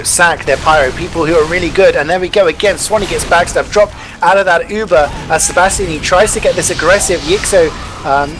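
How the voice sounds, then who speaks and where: A man's voice: high voice, fairly bright tone. A man working as an esports caster, giving live play-by-play and analysis of a match.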